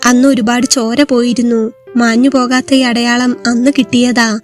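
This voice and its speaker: A woman reading the lines of a tender young husband in a story, speaking softly and affectionately. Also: extremely high pitch, level tone, normal speed, faint music behind. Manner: soft, affectionate speech.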